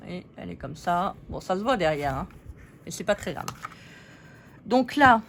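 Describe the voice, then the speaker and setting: A woman's voice: on the low side, expressive, moderate pace, creaky, a little hiss or hum. A woman hosting a casual scrapbooking tutorial, chatty and giggly, poking fun at herself as she works. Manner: chatty, giggly, self-mocking.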